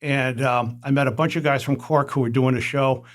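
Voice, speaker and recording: A man's voice: medium pitch, steady tone, moderate pace. Joking male comedian podcast host. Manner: joking, rambling, many restarts. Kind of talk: casual podcast interview.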